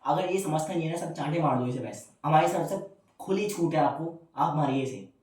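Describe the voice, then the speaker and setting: A man's voice: a little high, brisk, darkish tone, very echoey, recorded from a distance, close to an everyday voice, poor audio. A man voicing a middle-aged mother who eagerly pleads with her son's teacher at a school meeting. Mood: pleading. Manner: insistent, eager to please the teacher.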